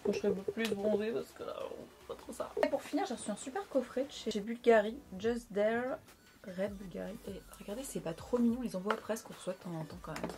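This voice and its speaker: A woman's voice: mid-range voice, brisk, noisy background. A young woman chatting casually through a makeup review, frank and playful, talking at close range to her camera. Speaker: beauty vlogger.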